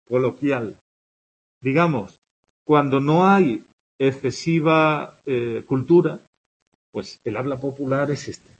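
A man's voice: medium pitch, slow, long pauses, slightly rough. A man from Spain teaching a grammar lesson to a class, giving examples one after another and checking in with his students as he goes. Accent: Spanish from Spain. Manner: explains with examples, checks in with "¿de acuerdo?". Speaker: Spanish teacher.

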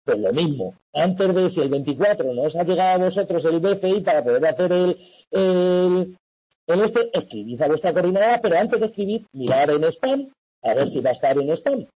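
Animated male tutor, mellow lo-fi. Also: high voice, normal speed, husky. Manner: patient, repetitive, frequent "¿vale?" checks. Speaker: university tutor. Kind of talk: online class explaining coursework.

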